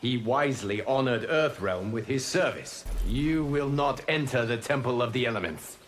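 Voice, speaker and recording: An actor voices a wise, calm god who protects Earth, stern but kind, in dramatic video game dialogue. The male voice is medium-pitched and lightly acted, solemn, measured and formal, with a stern, reproachful mood. The game capture is noisy and has clicks.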